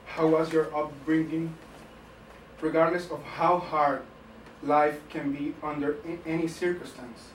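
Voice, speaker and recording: Earnest host in an echoey room. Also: male voice, fairly high pitch, fairly even intonation, unhurried, slight background noise. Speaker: interview host, editor. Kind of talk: scripted opening then interview questions. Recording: echoey room, mic at a distance.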